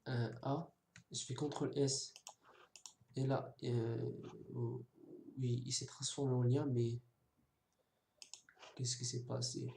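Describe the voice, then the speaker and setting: A man's voice: medium pitch, flat delivery, slow pace, vocal fry, long pauses, warm tone, slight background noise. A man giving a casual coding tutorial, hesitant, with many fillers and restarts, now and then joking about himself. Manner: jokes self-mockingly. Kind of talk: screen-recorded coding tutorial. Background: keyboard typing and mouse clicks.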